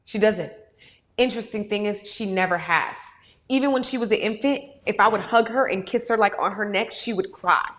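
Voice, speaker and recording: A woman in her thirties, a host answering audience questions in a candid, animated way and swearing often. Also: medium pitch. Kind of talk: casual talk to an audience.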